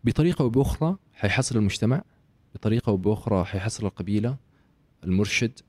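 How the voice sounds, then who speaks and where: A man talks quickly and emphatically, like he is giving a lesson. He scatters English phrases and "okay" through a relaxed interview. His lowish voice is recorded close and dry, with no room sound. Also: dry recording. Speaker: author and podcast guest. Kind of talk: casual conversational interview.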